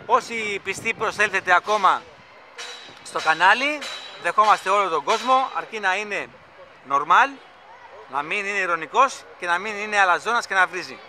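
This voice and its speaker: A man casually narrating a vlog outdoors on a construction site, chatty and enthusiastic, filmed on a handheld camera mic. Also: high voice. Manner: chatty, rambling, enthusiastic fan talk. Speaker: vlogger filming a stadium construction site. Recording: loud construction site noise.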